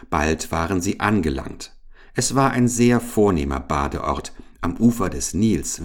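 Deep-voiced man reading a children's story. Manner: lively, ironic, expressive reading. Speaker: narrator.

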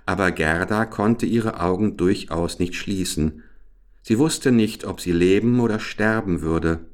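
Deep male narrator, calm measured storybook reading.

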